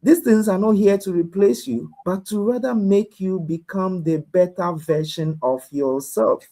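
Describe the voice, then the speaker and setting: A man's voice: sits high, a little slow, mellow, rough recording. A man as an interview guest, explaining earnestly and repeating his key points, heard over a video call. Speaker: guest expert. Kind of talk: explaining to a host.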